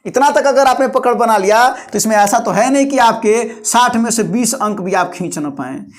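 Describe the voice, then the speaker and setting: A man's voice: very high-pitched, moderate pace. A male coaching teacher gives exam guidance to students. He talks in a colloquial, coaxing way and repeats his points to drive them home. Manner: repetitive, coaxing, colloquial exhortation.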